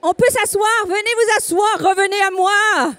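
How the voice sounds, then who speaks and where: Québécois woman preacher, very high voice, rousing call-and-response, dry close sound. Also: normal speed, fairly bright tone, no echo. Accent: Québécois French. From Quebec, Canada. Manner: rousing, calls out to the crowd. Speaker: women's ministry leader, speaker. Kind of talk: conference sermon.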